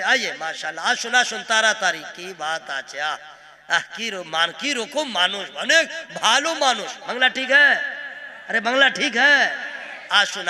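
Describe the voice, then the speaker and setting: A man's voice: high voice, bright, forceful tone. A man preaching at a religious gathering, playful and laughing as he coaxes the crowd, mixing in Bengali phrases and breaking into sung verses. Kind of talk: jalsa sermon with sung verses. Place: open-air religious gathering.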